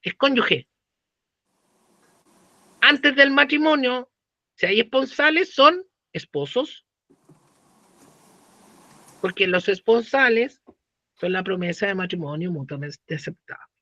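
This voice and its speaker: A man's voice: sits high, expressive, unhurried, pauses often, sharp tone, no room sound, lo-fi sound. A man with a Chilean accent teaching law, talking casually with slang and asking the class questions. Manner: conversational, uses slang and rhetorical questions. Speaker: law professor. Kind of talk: lecture.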